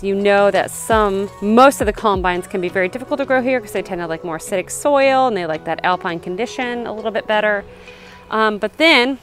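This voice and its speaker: Walking through a garden outdoors, a woman gives an upbeat, casual tour and explains what she sees. Her voice is mid-range and fairly bright, and she records herself selfie-style on a handheld camera.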